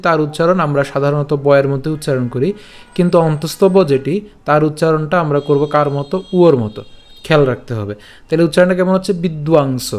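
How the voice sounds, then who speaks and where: A man's voice: a little high, darkish tone. Patient man teaching Sanskrit pronunciation. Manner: patient, repeats each syllable, checks understanding. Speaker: scripture recitation teacher. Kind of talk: slow syllable-by-syllable pronunciation lesson.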